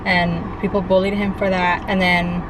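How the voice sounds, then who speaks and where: A woman's voice: on the low side, little pitch movement, normal speed. A young woman from California, telling a story in a chatty, rambling way for a couple's vlog. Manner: chatty, rambling, lots of likes and restarts. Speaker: vlogger co-host. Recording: outdoor traffic noise behind. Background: street and car noise.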